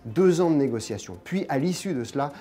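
An economics journalist in his forties explains the news to camera on a lapel mic, laying it out emphatically step by step. His medium-pitched voice is expressive, brisk and warm, with faint music in the background.

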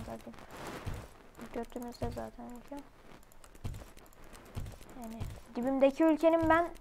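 A woman giving casual commentary while playing a strategy game, excitable and quick to burst into loud, crude outbursts. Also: fairly high pitch, background noise.

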